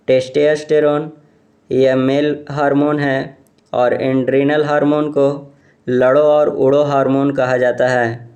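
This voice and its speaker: A man reading exam questions aloud and explaining each answer in a steady, repetitive way. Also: medium pitch, takes it slowly, lo-fi sound. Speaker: exam quiz presenter.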